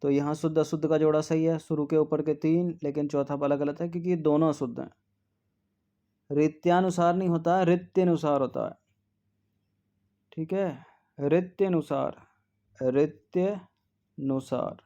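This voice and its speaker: A male tutor working through exam spelling questions, slowly repeating each word and checking answers with frequent "ठीक है". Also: fairly high pitch, fairly even intonation, mellow, dull audio. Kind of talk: test-series answer walkthrough.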